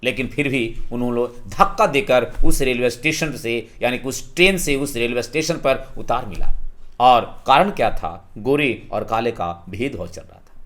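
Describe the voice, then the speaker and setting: A man's voice: medium pitch, moderate pace. A man with a Bihari accent teaching a history lesson for exam students, posing questions and answering them himself. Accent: Bihari Hindi. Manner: lively, asks and answers his own questions.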